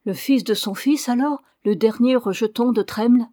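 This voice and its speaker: A man's voice: very high voice, moderate pace, mellow. A woman reading aloud voices a frail, ailing old father, speaking faintly and wearily. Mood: anxious. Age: older. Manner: faint, weary, breathless speech.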